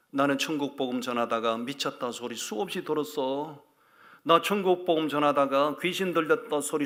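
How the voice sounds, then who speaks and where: A man's voice: medium pitch, vocal fry, fairly bright tone. A stern divine male voice rebukes a wayward minister with growing force, performed by a man within his sermon. It scolds at first and then builds to impassioned declarations. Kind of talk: acted quote within a sermon.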